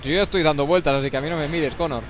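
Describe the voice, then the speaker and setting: A young man with a Spain Spanish accent giving excitable, swear-filled commentary over a shooter game and taunting the enemies. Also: on the high side, rapid-fire. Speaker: gameplay commentator. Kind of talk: let's play commentary. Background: faint game music and gunfire.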